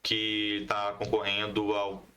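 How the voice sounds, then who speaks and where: He speaks slowly and in a monotone, his low voice sharp and clean though the audio is poor overall. A podcast guest from a comics collective with a northern Brazilian accent, he explains things conversationally, repeatedly using "né" to seek agreement.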